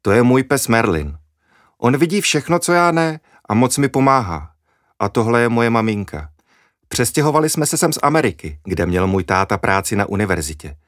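A man voicing a cheerful, friendly young girl who chats warmly. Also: mid-range voice, big pitch swings, no room sound, clean studio sound, natural voice.

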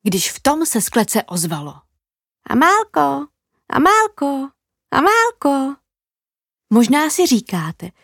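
A woman narrating a children's fairy tale in an expressive, lively storytelling manner with dramatic pauses. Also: mid-range voice, husky, no echo, clean studio sound.

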